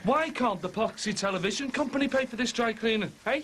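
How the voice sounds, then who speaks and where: An actor playing a grumbling, hard-up husband in a 1980s TV soap. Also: male voice, extremely high pitch, fast talker, very noisy. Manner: grumbling, put-upon.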